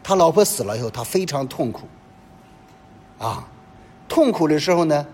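Man preaching with lively pitch. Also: normal speed, slightly rough. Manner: animated preaching full of rhetorical questions. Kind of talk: sermon. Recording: long reverb with faint low rumble.

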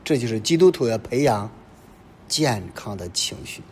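A man delivers a sermon unhurriedly, his pitch lively, preaching in an animated style packed with rhetorical questions. Long reverb and a faint low rumble color the recording.

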